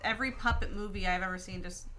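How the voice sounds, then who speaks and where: A young woman speaking plainly and softly in a casual chat. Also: mid-range voice, steady tone, quick pace, background noise. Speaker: host's fiancée.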